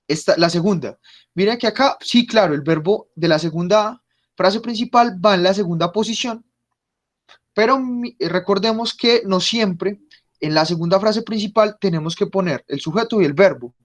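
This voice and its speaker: A man teaching an online language class, patiently repeating example sentences slowly. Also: high-pitched. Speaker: German teacher.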